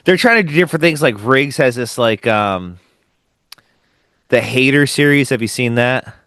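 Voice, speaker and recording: A man in a casual podcast chat who speaks bluntly and drops curse words freely. His voice is dry, close and free of room echo. His pitch is average for a man. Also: animated, normal speed, a bit bright. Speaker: podcast co-host.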